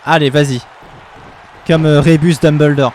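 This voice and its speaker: A man's voice: on the high side, steady tone, moderate pace, a little mellow, slight background noise. A young man co-hosting a live stream, giving playful commentary and teasing his partner. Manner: jokey, teasing, laughs often.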